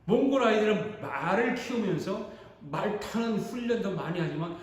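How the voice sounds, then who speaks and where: A man's voice: sits high, normal speed. A man, a pastor, telling a story dramatically during a sermon in a church sanctuary. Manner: animated, dramatic retelling. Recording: echoey church hall.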